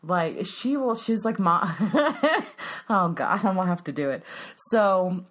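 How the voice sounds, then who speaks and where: A woman in her thirties co-hosts a podcast in casual conversation, laughing often and slipping into playful voices. She speaks slowly and animatedly in a lowish voice.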